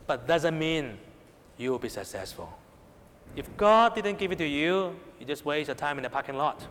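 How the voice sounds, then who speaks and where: Speaking a little high with big pitch swings, a normal pace, and a bit of brightness, a man with a Hong Kong Cantonese accent preaches emphatically to young people. He raises and drops his voice, asks rhetorical questions, and checks in repeatedly with listeners. There's a long hall reverb and slight background noise.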